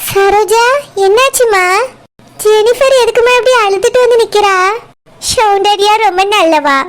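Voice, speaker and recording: A woman playing a gentle old cartoon grandmother with a Kanyakumari Tamil accent and a very high voice. She coaxes and pleads softly for kindness. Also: unhurried, slight background noise. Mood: pleading. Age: older. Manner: soothing, pleading. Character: kindly old grandmother who preaches forgiveness. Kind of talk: cartoon voice acting.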